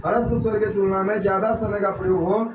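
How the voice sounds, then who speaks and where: A man's voice: high voice, little pitch movement, fast talker, distant mic. A man teaching a classroom grammar lesson, quizzing the students with repeated questions. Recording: echoey classroom with noise.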